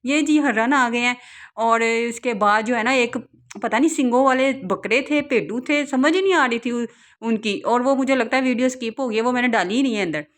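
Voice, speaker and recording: A young woman narrating her family outing in a relaxed vlog, chatting and laughing often as she tells it. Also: fairly high pitch, fairly quick. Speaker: vlogger, mother.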